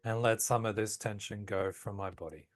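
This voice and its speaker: Calm low-voiced man guiding a session. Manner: calm, slow, soothing guidance. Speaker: tapping practitioner. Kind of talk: guided tapping session.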